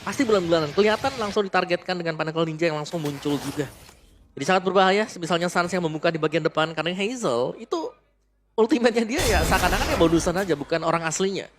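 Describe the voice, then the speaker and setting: A man's voice: sits high, lively intonation, fast talker, noisy background. A man giving chatty, explanatory esports commentary as an analyst caster. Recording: loud music behind the voice. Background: music.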